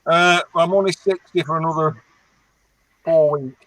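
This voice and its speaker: Jokey sixty-year-old man, high voice. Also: fairly even intonation, a little slow, a bit bright, poor audio. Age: 60s. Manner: jokey, stumbles and repeats words. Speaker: regular in a chat among friends. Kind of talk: casual banter.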